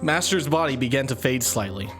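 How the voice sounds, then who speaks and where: A man's voice: mid-range voice, animated, fairly quick, music in the background. A man hosting and narrating a comedic story reading, playful and laughing at his own writing.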